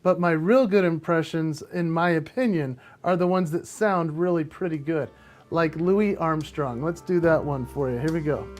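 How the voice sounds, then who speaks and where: A man's voice: a little high, normal speed, a little mellow, faint music behind. A man guest, an impressionist, chatting casually and joking at his own expense. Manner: self-deprecating, playful. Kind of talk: casual chat.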